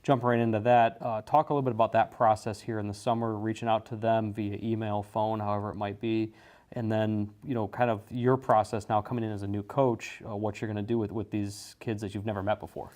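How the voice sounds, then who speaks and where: A man's voice: lowish voice, level tone, brisk, a little mellow. A man in college athletics hosting an interview in a conversational way.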